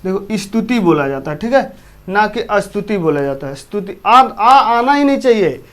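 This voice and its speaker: A man's voice: high-pitched, big pitch swings, normal speed, a bit bright. A man teaching a class with a Hindi accent from eastern Uttar Pradesh, often repeating himself and asking his students questions. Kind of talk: classroom lesson.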